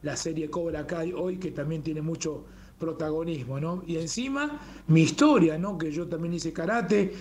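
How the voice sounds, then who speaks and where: A man's voice: fairly high pitch, normal speed, a little hiss or hum. A man with a Rioplatense Spanish accent, guest in a radio interview, talking with enthusiasm and often adding a questioning "¿no?". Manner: warm, enthusiastic, fond of rhetorical "¿no?". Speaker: guest, communications manager of a Japanese garden.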